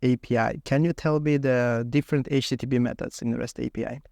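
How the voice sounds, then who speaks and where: A man's voice: mid-range voice, fairly even intonation, fast, creaky, darkish tone, no room sound, clean studio sound. A man acting as interviewer in a mock technical interview, putting questions and follow-ups to a candidate.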